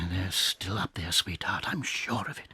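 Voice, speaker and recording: A sly, tender father fox in an audio drama. His breathy voice is very animated and expressive, reassuring in manner. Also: low voice, a little slow, no echo, full character voice. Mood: weary, wary. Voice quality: husky, breathy. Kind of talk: audiobook radio-play acting.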